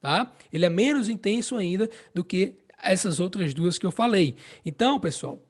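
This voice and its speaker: A man's voice: high-pitched, expressive. A man with a Brazilian Portuguese accent teaching harmonica in a casual spoken lesson, explaining patiently and often checking in with the listener. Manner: explains slowly, repeats phrases, checks with "né?" and "entende?".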